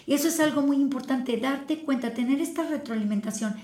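A woman co-hosting a casual wellness chat, speaking in a calm, reflective way with everyday examples. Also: high-pitched, fairly quick. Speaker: podcast co-host. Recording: echoey room.

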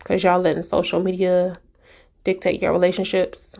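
A woman's voice: on the low side, level tone, normal speed, vocal fry, mellow. A woman vlogger giving a casual, emphatic rant straight to her viewers, exasperated and direct.

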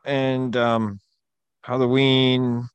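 Male co-host, rambling storyteller, middle pitch, dry close recording. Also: flat delivery, extremely slow, clear, resonant tone, no echo. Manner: rambling, storytelling, lots of fillers. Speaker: podcast co-host. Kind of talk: casual chat.

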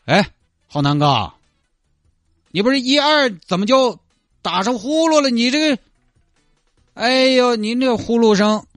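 Man voicing a boastful Sichuan drunk sidekick, lively pitch. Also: a little slow, pauses often, no echo, clean studio sound, faint music behind, full character voice. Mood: teasing. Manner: boastful, chattering. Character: boastful drunk young male driver sidekick.

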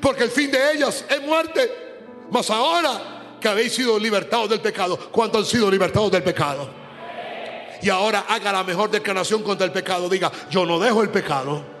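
A man's voice: sits high, fairly quick, a bit bright. A male preacher giving a fervent sermon, praying aloud, speaking in tongues and repeating phrases for emphasis. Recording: echoey hall with music behind.

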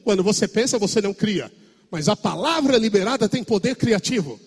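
Man, Brazilian Portuguese accent, pastor preaching, very high voice, shouts, sing-song cadence, long hall echo. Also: lively intonation, fairly quick, husky. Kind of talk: sermon.

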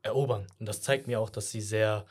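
A man hosting a casual podcast conversation, talking in a relaxed, reflective way. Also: fairly low pitch, fairly quick, slightly rough. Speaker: podcast host.

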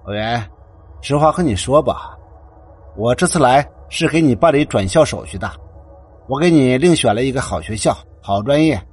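A man's voice: mid-range voice, expressive, normal speed, slightly rough. A man voicing a domineering, scornful middle-aged mother who sneers and insists on having her way. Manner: sneering, bossy.

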